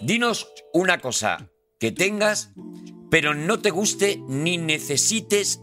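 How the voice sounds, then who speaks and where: Lively, bright-voiced Spanish male host. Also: on the high side, slow, faint music behind. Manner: lively, teasing, sing-song at times. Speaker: podcast host. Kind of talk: casual comedy chat.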